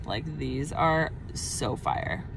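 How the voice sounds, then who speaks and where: Low-voiced, unhurried young woman vlogging. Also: expressive, creaky, background noise. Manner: bubbly, gushing about food. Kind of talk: casual travel vlog chat. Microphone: handheld phone camera. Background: background music.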